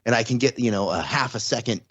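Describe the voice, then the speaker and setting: Here a podcast guest aged somewhere in his forties or fifties talks fast in a medium-pitched, fairly bright, husky voice. He restarts often while earnestly laying out ideas in casual conversation; the recording is dry, lo-fi and a bit dull.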